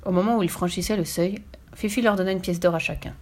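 A woman's voice: on the low side, quick pace. Woman reading a children's story aloud. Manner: lively, expressive storytelling.

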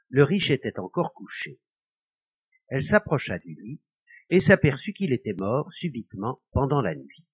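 Husky man reading a folk tale. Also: mid-range voice. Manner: expressive, dramatic reading. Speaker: storyteller. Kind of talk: scripted narration of a folk tale. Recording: dull lo-fi recording.

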